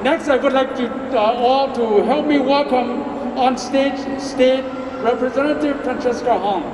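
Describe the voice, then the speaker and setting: Man, very high voice, hesitant emcee, echoey hall. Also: measured pace. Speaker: event emcee. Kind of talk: stage announcements. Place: large hall, on a stage. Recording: echoey hall from far off, loud noise.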